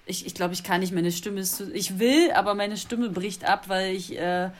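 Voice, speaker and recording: A woman's voice: medium pitch, flat delivery, normal speed. A woman player in a casual tabletop game, talking emotionally and hesitantly with many fillers. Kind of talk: casual tabletop role-play.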